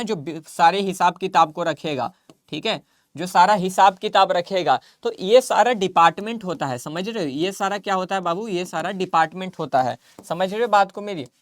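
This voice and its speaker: A man's voice: high-pitched, moderate pace, no echo. A male commerce teacher giving a casual lecture, mixing in English terms and answering the questions he puts in his students' mouths. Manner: mixes Hindi with English terms, repetitive and coaxing. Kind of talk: classroom lecture.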